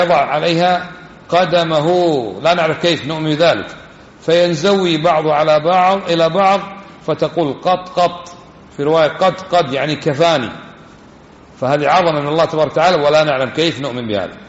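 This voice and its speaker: A man giving a religious lesson, talking quickly and conversationally and putting questions to his listeners. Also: on the high side. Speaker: religious teacher. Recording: dull, echoey hall.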